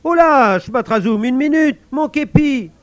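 A man's voice: high-pitched, expressive, normal speed, no room sound, voice pushed up. Man doing a hearty bold soldier. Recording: dull lo-fi dry recording.

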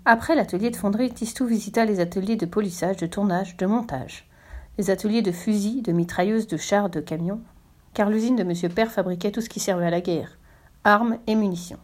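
A woman reading a children's novel aloud in a steady, expressive storybook style. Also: medium pitch, brisk. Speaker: narrator.

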